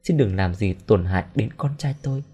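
A man's voice: on the low side, lively intonation, a little fast, dark tone, slightly rough. A man reading the lines of a grieving older mother who confesses and pleads through tears, in a storybook reading. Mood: pleading. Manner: pleading, tearful.

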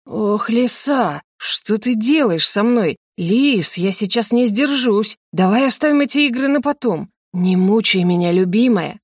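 A woman voicing a hot-tempered, jealous young husband who growls and shouts. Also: on the low side, animated, normal speed, hardly any pauses, no echo, clean studio sound, lightly acted. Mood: tender.

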